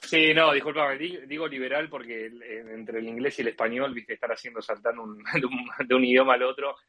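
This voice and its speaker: Calling in to a live political audio chat, this Argentine-accented man from Argentina talks casually, frequently pausing and rewording his points. His medium-pitched voice is bright and forceful, fairly quick, with rather steady intonation. Sound comes through a close, dry online mic and is dull and lo-fi.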